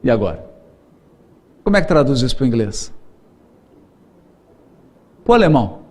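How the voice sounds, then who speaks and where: A middle-aged man with a Brazilian Portuguese accent, a spiritist lecturer, speaks in a husky, darkish, mid-range voice with a sing-song lilt at a moderate pace. His seminar lecture is full of playful stories, frequent laughter, and acted-out quoted voices.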